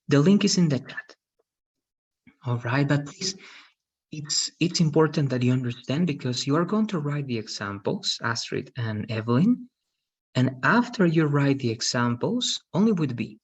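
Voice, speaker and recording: Male teacher in his thirties, slow and husky, muffled webcam sound. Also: mid-range voice. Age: 30s. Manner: slow, patient, tags sentences with "right?". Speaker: English teacher. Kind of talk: online class explanation. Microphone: video call webcam. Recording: dull lo-fi video call audio.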